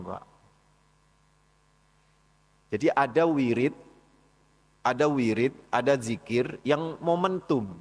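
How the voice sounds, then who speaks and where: A man giving a casual, conversational talk at a dawn study session in a mosque, often calling on his listeners directly. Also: mid-range voice. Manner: conversational, addresses listeners as "Pak" and "saudara" often. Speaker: preacher. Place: large mosque hall. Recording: long hall reverb.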